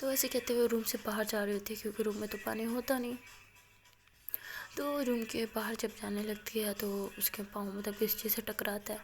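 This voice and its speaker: A woman telling a love story aloud in a casual, chatty way. She sometimes drops into soft near-whispers. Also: medium pitch, level tone, normal speed.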